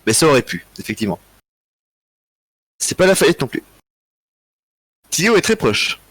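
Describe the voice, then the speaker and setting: A tired man hosting a live history quiz, reading out chat answers in a relaxed, joking way with frequent chuckles. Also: on the high side, measured pace, breathy edge, no room sound. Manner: relaxed, joking, chuckles often, thinks aloud. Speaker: quiz host.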